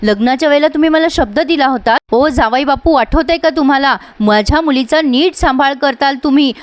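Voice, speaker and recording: A woman's voice: sits high, a little fast, no room sound, pitched above the performer's own voice, lightly acted. A woman voicing a distressed middle-aged mother who fires off agitated questions to defend her daughter. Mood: pleading. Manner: agitated, raised indignant questions.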